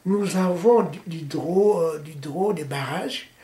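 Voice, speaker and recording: A man from the Democratic Republic of the Congo with a Congolese French accent, answering interview questions haltingly, with many fillers and restarts. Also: on the high side, warm tone. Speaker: interviewee, political party founder. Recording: echoey room with faint noise.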